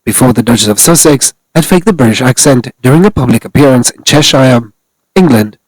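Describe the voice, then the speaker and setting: A man's voice: medium pitch, lively intonation, a little fast, husky, no room sound, poor audio. A man narrating a scripted celebrity news commentary, reading steadily from articles.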